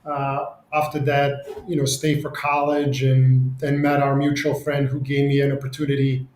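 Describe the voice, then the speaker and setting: A man's voice: mid-range voice, completely flat delivery, moderate pace, darkish tone, echoey room, low-quality recording. A man, speaking as an interview guest, earnest and restarting often. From Serbia. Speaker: guest, company executive. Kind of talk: podcast interview.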